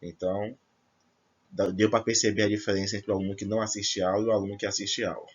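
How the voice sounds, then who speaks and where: A man's voice: fairly low pitch, little pitch movement, quick pace, husky, lo-fi sound. A man teaching a grammar lesson to first-year students, explaining step by step and checking in with his class. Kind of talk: recorded remote class lesson.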